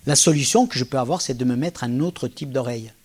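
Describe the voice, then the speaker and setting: A man giving a public talk, telling stories with lively energy and acting out quoted dialogue in casual, slangy speech. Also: mid-range voice, brisk, slightly rough. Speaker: lecturer.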